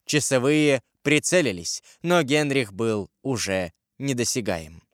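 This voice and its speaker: A man narrates an audiobook in a measured, expressive voice of middle pitch. The sound is close and dry, with no room around it. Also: no room sound. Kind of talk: dramatic audiobook reading.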